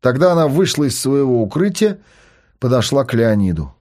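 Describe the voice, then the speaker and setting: A man narrating an audiobook with lively, expressive storytelling. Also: medium pitch, brisk.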